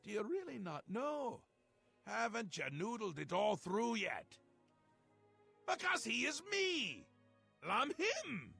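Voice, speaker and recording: A man's voice: wildly swooping pitch, takes it slowly, creaky, long pauses, bright, forceful tone, breathy edge, soft background music, exaggerated voice. A man playing a mad, theatrical ruler-god of madness in a fantasy game, flamboyant and mercurial, swinging between glee and menace. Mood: gleeful ranting. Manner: flamboyant, swinging from gleeful cries to low menace. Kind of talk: fantasy game character acting.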